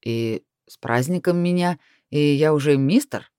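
A man's voice: on the high side, big pitch swings, moderate pace, a little mellow, dry recording, studio quality. A woman voicing a sarcastic, stern middle-aged male boss in an audiobook. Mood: sardonic.

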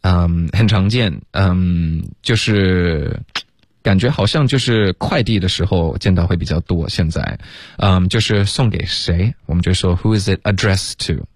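Brief: male radio tutor, deep voice, dry studio sound, slow drilled phrases with frequent OKs. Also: no room sound. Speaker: English pronunciation teacher. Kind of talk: radio English lesson, mixing Chinese and English.

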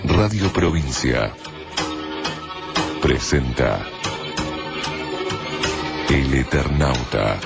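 A man making a slow, solemn announcement as the announcer of an old-time radio show. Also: very deep voice, animated, creaky. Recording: loud music bed under a distant voice.

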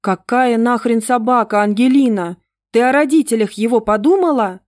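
A woman's voice: fairly high pitch, normal speed, a little mellow, no echo, clean studio sound, voice pushed up, natural voice. A woman reader voicing a nervous, exasperated young father with tense, agitated outbursts. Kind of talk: audiobook reading.

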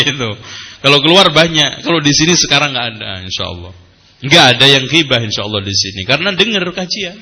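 A man preaching an Islamic study lecture, animated and joking, jumping up high in pitch and acting out complaints. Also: a little fast, husky. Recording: live audio of a study session.

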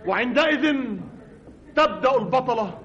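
A man's voice: very high voice, expressive, moderate pace, fairly bright tone, dull audio, a little hiss or hum. Exasperated Egyptian man narrating comedy. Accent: Egyptian Arabic. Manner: exasperated, mock-formal narration. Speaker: comic narrator, writer. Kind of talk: radio comedy monologue.

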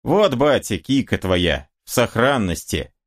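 A man voicing a lively, short craftsman who talks briskly and mockingly. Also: mid-range voice, voice pushed up. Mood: cheeky.

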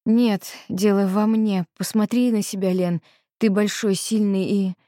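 A woman's voice: mid-range voice, fairly even intonation, unhurried, no room sound, clean studio sound, natural voice. A woman reading an audiobook, voicing a young woman pleading tearfully with her lover. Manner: soft, pleading, emotional.

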